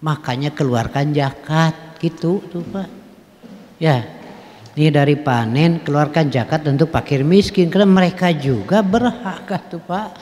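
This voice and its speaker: A man's voice: fairly high pitch, a little slow, darkish tone. A man with a Sundanese accent giving a folksy mosque sermon, putting questions to his listeners. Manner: folksy, mixes in regional phrases, asks the audience questions, chuckles. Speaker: preacher. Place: mosque hall. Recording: long hall reverb.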